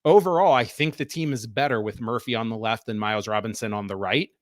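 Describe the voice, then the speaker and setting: A man's voice: fairly low pitch, quick pace, no echo, studio quality. Analytical man breaking down plays. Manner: explanatory, talks through plays step by step. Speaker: co-host, soccer analyst. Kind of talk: tactical breakdown, casual podcast talk.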